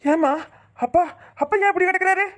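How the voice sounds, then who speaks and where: A woman's voice: extremely high pitch, brisk. A woman voicing an anxious grown son and husband in a cartoon, pleading and alarmed in a southern Tamil village dialect. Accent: southern Tamil Nadu village dialect. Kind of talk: cartoon voice acting.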